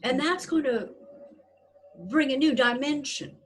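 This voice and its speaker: A high-voiced woman leads a group session as a trance channeler, much like a seance medium. She guides listeners in the manner of a guided meditation, her phrasing deliberate, portentous, and reassuring.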